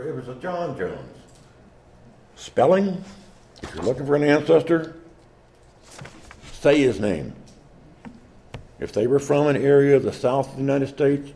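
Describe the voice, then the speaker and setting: In a roomy, echoey recording with faint noise behind him, a medium-pitched man with a dark tone talks about genealogy and naming. His lecture is informal and chatty, and he acts out brief dialogues as he explains.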